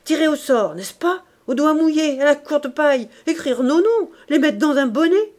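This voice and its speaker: A woman reading a scheming middle-aged male gang leader, talking loud, urgent and scornful. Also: sits high, lively intonation, moderate pace, pitched above the performer's own voice.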